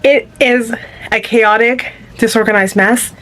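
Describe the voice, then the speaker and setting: A woman's voice: fairly high pitch, steady tone, measured pace, a bit bright. A woman chatting casually to her viewers as she vlogs from a cluttered bedroom at home, talking in a loose, rambling way into a handheld phone. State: a little out of breath at times. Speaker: vlogger. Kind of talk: casual vlog chat.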